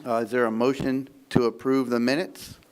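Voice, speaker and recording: Guy running a committee meeting, relaxed and jokey, resonant clean voice. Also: medium pitch, normal speed. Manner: easygoing, lightly joking. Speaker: committee chair. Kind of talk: chairing a public meeting.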